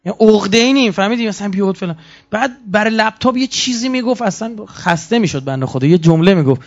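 A man lectures to an audience in a story-telling way. His voice sits a little high, and he acts out the quotes with lively swings. The recording is muffled and lo-fi. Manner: animated storytelling with acted-out quotes. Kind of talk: anecdotal lecture. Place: lecture hall.

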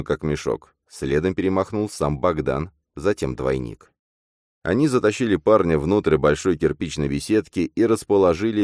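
A man narrating an audiobook in a steady, measured way. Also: extremely low pitch, no echo, studio quality.

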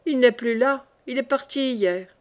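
A sleepy, suspicious young maid, read by a woman, gives curt, guarded answers. The voice sits a little high. It comes from an audiobook reading. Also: a little slow, a little mellow, close to an everyday voice. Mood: wary. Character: young female servant, sleepy and wary.

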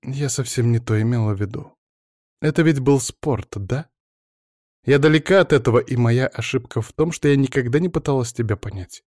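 A man reading an audiobook, voicing a sharp-tongued educated young woman who questions her estranged husband reproachfully. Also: medium pitch, normal speed, no echo, studio quality, voice pushed up, lightly acted. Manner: reproachful, probing.

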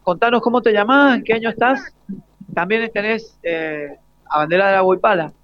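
A man with a high voice and an Argentine accent conducts a live radio interview, halting and repeating words as he forms his questions. The audio is dull, with no echo.

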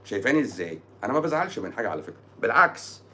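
A man's voice: mid-range voice, very animated, very fast, bright, forceful tone, a little hiss or hum. A man with an Egyptian accent, a doctor answering viewer comments on a live stream in a sarcastic, mocking way. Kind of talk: casual live-stream talk.

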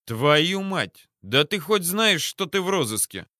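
Man doing a shrill panicky police captain. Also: sing-song, slow, bright, forceful tone, no echo, clean studio sound, exaggerated voice. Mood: threatening. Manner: shrill, blustering then pleading.

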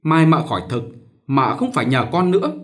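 A man voicing an ailing, gentle mother who fusses over her son, with a raised, soft motherly tone, in an audiobook story reading. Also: a little high, big pitch swings, normal speed. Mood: tender.

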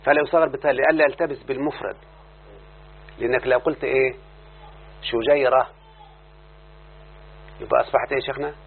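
A man's voice: medium pitch, steady tone, fast, long pauses, breathy edge. A man with an Egyptian Arabic accent teaching a class, constantly quizzing his listeners and prompting them to answer. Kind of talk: classroom lesson. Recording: tinny lo-fi recording with faint hum.

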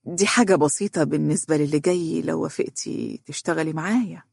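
A persuasive young office boss with an Egyptian accent, voiced by the narrator of an audiobook, talking quickly and coaxingly. The sound is dry and close. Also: mid-range voice, lively intonation, dark tone, no echo, pitched above the performer's own voice, lightly acted. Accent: Egyptian Arabic.

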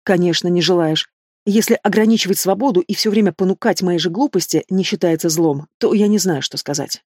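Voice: medium pitch, fairly quick, no echo, studio quality, lightly acted. A reader voicing a hot-tempered teenage werewolf girl. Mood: resentful. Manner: shouting accusations, sarcastic.

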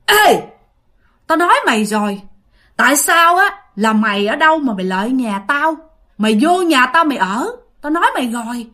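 A woman voicing a vengeful female ghost who scolds and threatens in a shrill voice. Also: very animated, normal speed, bright, forceful tone, heavily acted. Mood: menacing. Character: vengeful female ghost, wild-haired, cruel, cursing.

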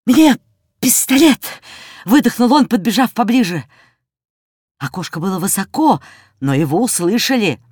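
A woman narrating a children's story aloud, expressive and animated in her telling. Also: mid-range voice, moderate pace, no room sound, studio quality. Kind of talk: children's audiobook reading.

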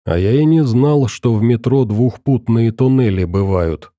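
A man voicing a laconic, calm male traveler in a story. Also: mid-range voice, a little slow, no room sound, studio quality, close to an everyday voice.

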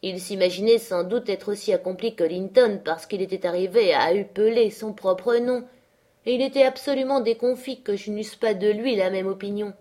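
A woman narrating a classic novel aloud in a measured, expressive audiobook reading. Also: medium pitch. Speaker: audiobook reader.

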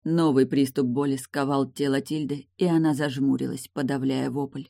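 A woman reading a novel aloud in an even, measured way. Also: extremely low pitch, creaky, no echo, studio quality. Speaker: audiobook reader. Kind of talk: audiobook narration.

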